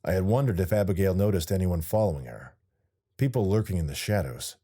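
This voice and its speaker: A man's voice: deep voice, expressive, a little fast, warm tone. A man, the author, narrating his own audiobook in a wry first-person storytelling manner.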